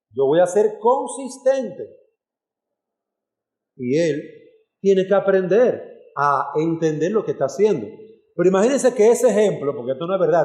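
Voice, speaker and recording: In a church hall, a man serving as pastor preaches a sermon, addressing his congregation as brothers and sisters in an earnest, direct way. His voice is high-pitched with a darkish tone, and the sound is roomy.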